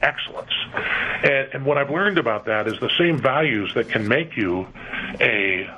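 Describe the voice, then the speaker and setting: A middle-aged man from California, a guest on a radio interview, who talks in a halting way with many repeated words and fillers. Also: medium pitch, lively intonation. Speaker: interview guest, museum executive. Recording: dull lo-fi radio broadcast with faint noise.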